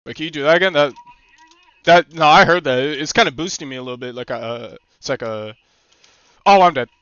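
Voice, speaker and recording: A young man doing casual gaming commentary as a streamer, with slangy, sweary frat-bro banter and excitable outbursts. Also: a little high, a little fast, smooth, dry recording. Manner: excitable, bursts into shouts. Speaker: game streamer. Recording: slightly dull lo-fi streaming audio.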